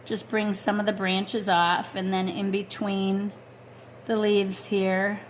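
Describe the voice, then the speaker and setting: A woman's voice: medium pitch, flat delivery, slow pace. A woman giving a casual watercolor painting tutorial at home, talking close to the mic and thinking aloud with lots of fillers. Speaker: art instructor. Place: home studio with a wood stove. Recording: faint blower hum behind.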